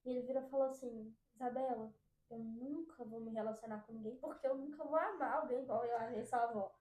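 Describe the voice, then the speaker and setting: A young woman hosting a casual faith-minded chat, talking warmly and directly to her listeners. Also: on the high side, steady tone, fast talker. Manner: chatty, addresses listeners as "gente". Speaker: podcast host. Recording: roomy echo.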